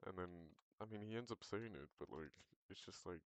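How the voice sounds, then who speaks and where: Deep-voiced teenage boy, rambling. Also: fairly quick, no room sound. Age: teens. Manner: rambling, hesitant, self-correcting. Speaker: gaming vlogger. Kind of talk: casual chat while gaming.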